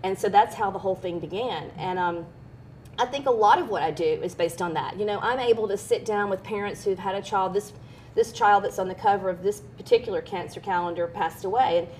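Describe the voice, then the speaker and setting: A woman's voice: a little fast, darkish tone, low-quality recording. A middle-aged woman speaking as an interview guest, telling personal stories in an earnest, candid, conversational way. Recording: clear background noise with low rumble.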